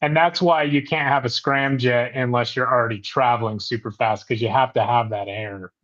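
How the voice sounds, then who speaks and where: A man's voice: mid-range voice, steady tone, normal speed, fairly bright tone, muffled recording. A man co-hosting a casual aviation podcast, explaining eagerly and often restarting his sentences. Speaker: podcast co-host.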